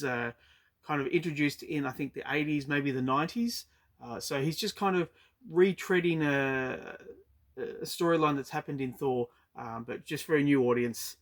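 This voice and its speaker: An Australian man chatting casually about his weekly comic purchases, with frequent ums and uhs. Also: medium pitch. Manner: hesitant, many ums and uhs. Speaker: comic book collector vlogger. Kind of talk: casual review chat. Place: storage unit.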